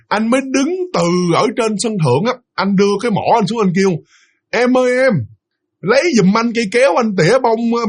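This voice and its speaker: A man casually retelling a ghost story, animated and full of restarts and hesitations. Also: high-pitched, breathy edge.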